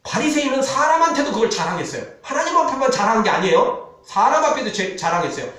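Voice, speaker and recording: A male pastor preaching a sermon with animated delivery, dropping to a solemn tone for scripture. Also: very high voice, fast. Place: church sanctuary. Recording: echoey church hall, mic from a distance.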